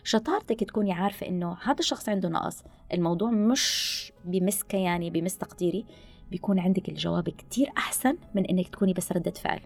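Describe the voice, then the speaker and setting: A woman talks very fast, with a gravelly, fry-tinged edge to her voice. She gives animated advice in podcast conversation and drops in English phrases. Faint music sits under her voice. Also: fairly low pitch. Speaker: guest speaker on listening skills.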